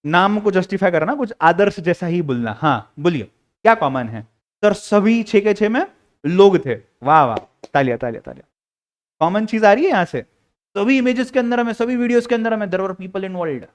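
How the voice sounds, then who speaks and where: A man's voice: high-pitched, lively intonation, normal speed. A young Indian man teaching a live class, mixing English into his talk and playfully coaxing students to call out answers. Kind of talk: interactive classroom lecture.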